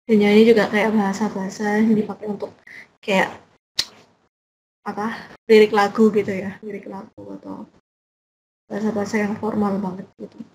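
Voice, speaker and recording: A woman's voice: mid-range voice, a little hiss or hum, rough recording. A young adult woman teaching a casual online language lesson, chatty and full of examples and fillers.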